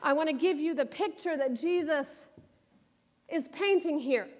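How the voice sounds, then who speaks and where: A woman in her forties from New York City, preaching a sermon with animated, self-deprecating humor. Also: sits high, unhurried, big-room sound, a little hiss or hum. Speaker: speaker at a church service.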